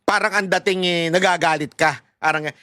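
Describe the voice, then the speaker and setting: A middle-aged man from Manila with a loud voice, giving casual, animated political commentary as a vlogger. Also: on the high side, brisk. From Manila, Philippines. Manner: animated and chatty, laughs at his own asides.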